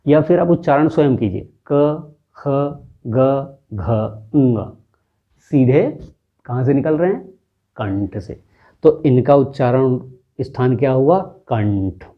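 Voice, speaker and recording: A man teaching a pronunciation lesson at an unhurried, deliberate pace. He repeats each sound several times and patiently quizzes the listener. The recording is dull and lo-fi. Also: medium pitch, animated.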